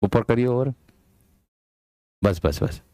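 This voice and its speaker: A young man teaching a live online Hindi grammar class for police exam students. He speaks slowly and deliberately, repeats phrases and calls the students "my brave one" in a firm, hard-edged voice. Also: mid-range voice, animated, dark tone, no echo. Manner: deliberately slow, drawn-out delivery.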